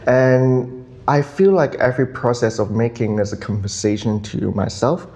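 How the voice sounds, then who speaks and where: Soft-spoken potter, halting. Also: male voice, mid-range voice, steady tone, faint music behind. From Hong Kong. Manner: halting, thoughtful, quick to laugh. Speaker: potter and guest. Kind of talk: casual interview chat.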